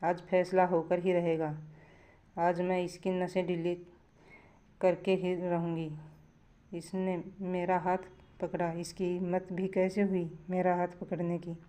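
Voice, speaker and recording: A woman voicing an angry, domineering middle-aged mother-in-law who scolds with shrill accusations. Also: level tone, measured pace, warm tone, close to an everyday voice. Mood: furious.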